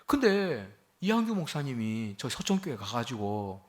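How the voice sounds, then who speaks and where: A man's voice: medium pitch, big pitch swings, moderate pace, darkish tone. A man preaching a sermon to a congregation. He keeps asking them questions and acts out quoted speech in a raised voice. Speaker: pastor. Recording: church hall with a microphone.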